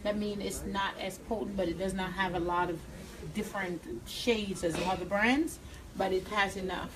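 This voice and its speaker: With a Jamaican accent, a female hairstylist and educator gives a live tutorial while cutting hair in a salon, speaking bluntly and directly. Her medium-pitched voice holds a steady tone at a moderate pace, with background noise audible.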